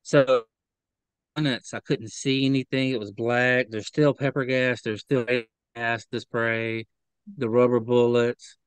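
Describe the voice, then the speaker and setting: A man's voice: medium pitch, little pitch movement, clear, resonant tone, dry recording, poor audio. A man giving a guest's testimony over a video call, speaking earnestly and stumbling over repeated words. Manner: earnest, halting, repeats words when upset. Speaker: interview guest. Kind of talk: remote interview testimony.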